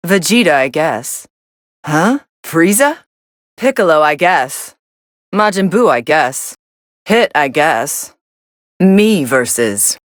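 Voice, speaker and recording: Android 18, low-voiced deadpan android fighter. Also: female voice, slow, long pauses, no echo, clean studio sound, exaggerated voice. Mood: cool, detached. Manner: deadpan, dismissive. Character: cool, sardonic young female android fighter. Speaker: fighting game commentator character. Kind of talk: scripted game voice lines, fight commentary.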